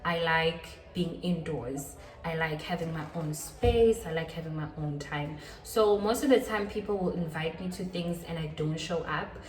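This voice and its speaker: A woman in her twenties hosting her own vlog, talking casually and a bit self-deprecatingly, often repeating herself. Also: sits low. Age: 20s. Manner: chatty, self-deprecating, with quick laughs and repetitions. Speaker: channel host. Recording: roomy echo, a little far from the mic.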